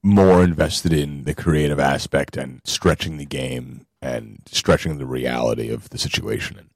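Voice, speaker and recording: Very deep, gravelly man. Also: moderate pace, dry recording, clean studio sound. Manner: musing, trails off mid-thought. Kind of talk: casual chat.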